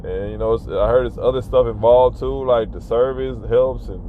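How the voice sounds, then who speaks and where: A man's voice: medium pitch, moderate pace. A man vlogging casual advice to fellow delivery shoppers, talking emphatically and repeating himself to drive his points home. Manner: emphatic, repetitive, advising viewers directly. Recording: tinny phone-like audio with faint car noise.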